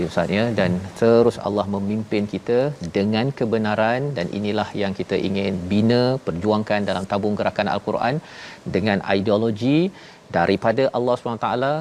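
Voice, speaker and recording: A man's voice: on the low side, a little mellow, slight background noise. A man from Malaysia hosting a televised Quran lesson, explaining verses in an emphatic, preaching way. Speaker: Quran teacher and host.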